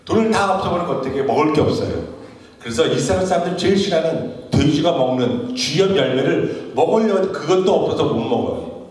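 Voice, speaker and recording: Korean preacher in an echoey hall. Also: male voice, brisk. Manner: storytelling with rhetorical questions, animated swings of pitch. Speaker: junior pastor. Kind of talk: sermon. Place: church basement hall. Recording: echoey church hall, mic far off.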